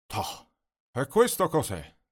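A man's voice: on the low side, big pitch swings, moderate pace. A man reading a storybook and voicing a big, burly woodsman who talks as if he knows everything, in a blunt, self-assured way.

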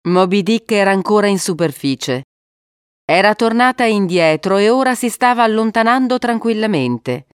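A woman narrating an adventure storybook in a measured, expressive reading. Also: medium pitch, clear, resonant tone, dry recording, studio quality.

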